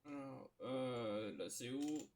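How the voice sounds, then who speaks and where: A man hosting a gaming video, chatting casually and hesitantly with lots of filler sounds, with occasional excitable outbursts. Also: medium pitch, slow. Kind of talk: casual gameplay commentary.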